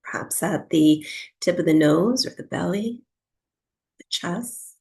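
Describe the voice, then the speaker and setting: A woman with a lowish voice teaches breathwork and leads a sleep meditation. She speaks softly and soothingly at an unhurried pace, leaving long pauses.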